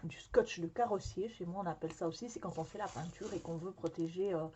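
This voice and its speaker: Her voice is on the low side and quick, set against heavy background noise. Hosting a scrapbooking workshop, she demonstrates supplies in a friendly, casual manner with frequent "euh" hesitations, recorded in slightly dull lo-fi.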